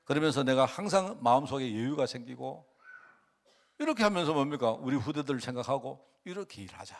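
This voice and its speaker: Speaking fairly quickly, a man acting as pastor delivers a sermon. He addresses the congregation casually with frequent questions, and his voice varies lively in pitch and volume.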